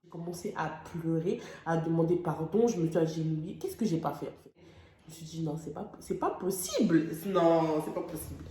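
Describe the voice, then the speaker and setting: A woman's voice: sits low, lively intonation, a little fast, warm tone. A young woman from France telling a personal story on her vlog, emotional and dramatic, with casual slang. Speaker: vlogger. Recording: echoey room.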